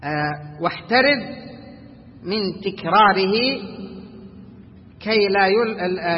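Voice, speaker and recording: Man with a high voice teaching recitation, drags out the examples, dull muffled sound, faint hiss. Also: big-room sound. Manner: repeats examples slowly in a drawn-out recited tone between explanations. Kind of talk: classroom lesson explaining recitation rules.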